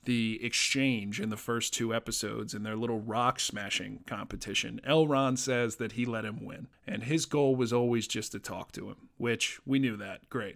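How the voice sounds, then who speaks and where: Guy with a gravelly voice doing a chatty tv episode review, rambles a lot, restarts his sentences. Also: mid-range voice, a bit bright. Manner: rambling, conversational, with frequent fillers and restarts. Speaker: podcast host reviewing a TV episode. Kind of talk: casual spoken review.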